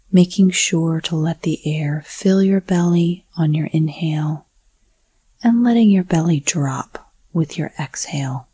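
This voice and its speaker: Breathy whispering woman, slow calm meditation guide, dry close mic. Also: deep voice, dry recording.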